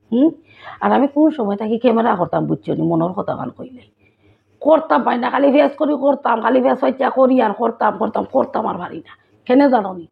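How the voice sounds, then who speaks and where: Sylheti-accented woman vlogger, raspy, phone-line quality. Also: mid-range voice. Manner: chatty, asks listeners if they follow. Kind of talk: casual vlog chat. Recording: tinny phone-like sound.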